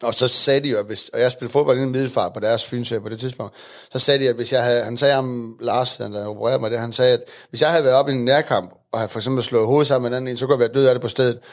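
A man's voice: mid-range voice, steady tone. A man in his thirties, a guest in a casual chat, telling candid stories with frequent laughter.

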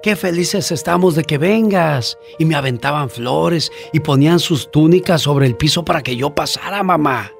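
A man's voice: fairly high pitch, moderate pace, vocal fry, few pauses, faint music behind, pitched above the performer's own voice. A man voicing a naive young male donkey telling his mother about his day. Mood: excited. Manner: eager storytelling voice, a child talking to his mother.

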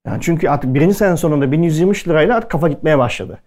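A man's voice: fairly high pitch, expressive, very fast, darkish tone. A man speaking at a culinary event, telling stories casually to the audience and acting out the lines of the people in them. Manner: chatty anecdotal delivery, acting out quoted dialogue. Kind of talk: casual storytelling talk to an audience.

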